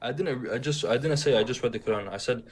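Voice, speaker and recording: Speaking fast in a slightly rough, mid-range voice, a young caller with a slight Arabic accent joins a casual debate. Born in Syria and raised near Detroit, he rambles and keeps insistently repeating himself.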